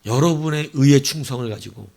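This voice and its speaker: A male pastor preaching a sermon, telling the story with animated bursts as he acts out quoted lines. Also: mid-range voice, a little fast, gravelly.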